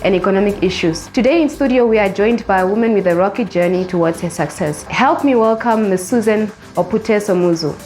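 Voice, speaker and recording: A woman's voice: mid-range voice, a little fast, hardly any pauses, music in the background. A woman hosting a talk show interview, polite, with some hesitant fillers when she asks questions.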